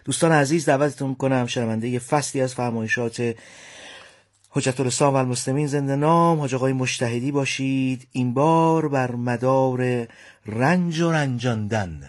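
A male program host who recites a poem in a measured, formal way and then introduces a recorded sermon to listeners. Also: medium pitch.

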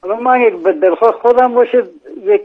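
A man calling in to a radio quiz, answering politely and briefly. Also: very high-pitched. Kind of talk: phone-in chat. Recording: tinny phone line.

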